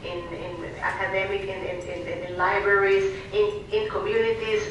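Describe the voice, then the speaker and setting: An earnest woman speaks on a panel, often stopping and restarting her sentences. Her voice sits at a middle pitch. It is picked up from a distance in a very echoey hall, with steady noise underneath. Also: highs cut off. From Venezuela. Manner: earnest, halting with many restarts. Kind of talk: panel discussion. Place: large hall at a public panel.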